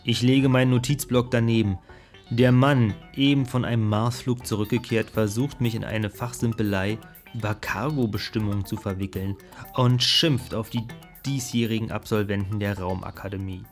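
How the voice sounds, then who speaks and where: A man giving scripted audiobook narration in a vivid, expressive storytelling manner. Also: fairly low pitch, moderate pace, soft background music.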